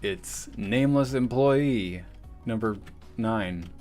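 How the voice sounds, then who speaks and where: A man's voice: fairly low pitch, takes it slowly, a little mellow, soft background music. A young man chatting casually on a livestream while animating, rambling and swearing often.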